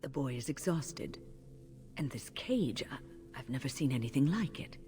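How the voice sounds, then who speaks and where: A compassionate female companion in a fantasy game. Her voice is very deep and mellow, moving freely in pitch, with faint music behind. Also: lively intonation, normal speed. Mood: soothing, troubled.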